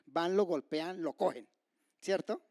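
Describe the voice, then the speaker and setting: A man preaching with a high, bright voice, recorded close and dry with no room echo. He swings from loud, forceful bursts down to near whispers and keeps asking his listeners rhetorical questions. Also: a little slow, creaky. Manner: dramatic swings from loud outbursts to hushed whispers; asks the congregation rhetorical questions. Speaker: pastor. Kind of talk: sermon.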